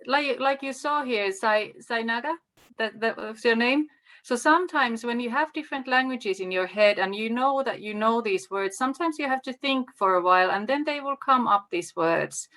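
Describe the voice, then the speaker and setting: With a fairly high, slightly bright voice, a Finnish-accented woman from Finland, Finnish by birth, chats on a relaxed video call as a visiting teacher. Her delivery stays measured and encouraging.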